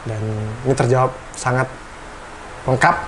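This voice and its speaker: A man's voice: medium pitch, level tone, normal speed, background noise. A man hosting a casual interview, speaking in an enthusiastic, chatty way. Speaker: host.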